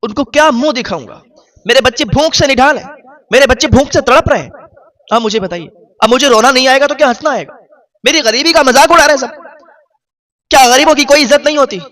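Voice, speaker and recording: Preacher playing a poor weeping man in a sermon story, high pleading voice, sorrowful, desperate. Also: lively intonation, fairly bright tone. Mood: anguished. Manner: pleading, sorrowful, rising to anguished outcry.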